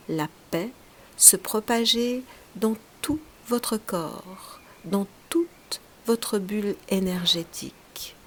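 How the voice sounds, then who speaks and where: Here a yoga teacher talks listeners through a relaxation meditation in a soft, soothing mid-range voice. Her phrases are brief and unhurried, frequently trailing off breathily, and a little hiss or hum can be heard.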